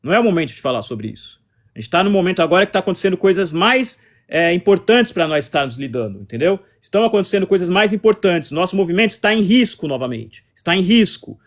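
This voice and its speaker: Casting: high-voiced Brazilian man, rapid-fire, combative live host. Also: very animated. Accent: Brazilian Portuguese. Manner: combative, repetitive, answers chat comments. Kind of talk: casual political live stream chat.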